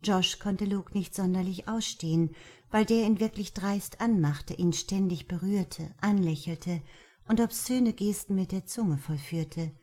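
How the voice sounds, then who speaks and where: A woman narrating a novel in a steady, even audiobook reading. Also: medium pitch, unhurried. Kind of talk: scripted narration.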